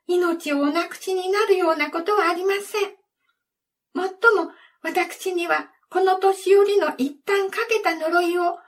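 A young fairy, gentle but firm, offering formal reassurance in a very high voice, as a woman storyteller plays her. She speaks slowly and earnestly. The storybook voice sits well back from the mic. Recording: distant from the mic.

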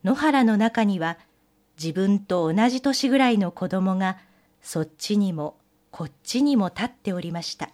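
A woman telling an old fairy tale in gentle storybook narration with old-fashioned polite phrasing. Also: mid-range voice, expressive, measured pace.

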